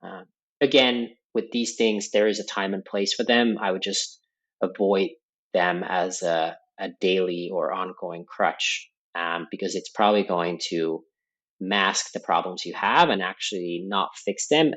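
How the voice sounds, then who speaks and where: Deep-voiced man explaining. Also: fairly even intonation, moderate pace, fairly bright tone. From Finland. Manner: thoughtful, explanatory, frequent fillers and restarts. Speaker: podcast guest, company founder. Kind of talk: conversational interview explanation.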